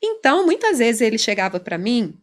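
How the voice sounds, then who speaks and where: Lively Brazilian woman psychologist explaining. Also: a little high, fairly quick. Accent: Brazilian Portuguese. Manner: animated, explanatory, acts out quoted dialogue. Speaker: clinical psychologist, guest. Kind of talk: conversational podcast interview.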